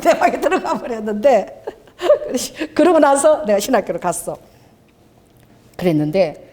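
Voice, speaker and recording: A middle-aged woman pastor preaching a sermon, telling stories with animated exclamations and acting out the voices she quotes. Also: medium pitch, big-room sound. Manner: exclaims hallelujah, calls out to congregation.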